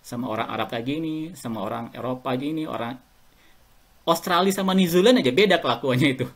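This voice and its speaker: Talking quickly in a mid-range voice, a middle-aged Indonesian alumnus guests on a casual podcast interview. He's chatty, shares anecdotes, and chuckles while he talks.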